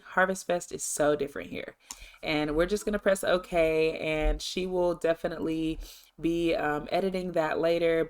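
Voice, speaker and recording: Low-voiced woman narrating gameplay. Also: smooth. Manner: chatty and rambling, upbeat. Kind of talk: casual let's-play narration.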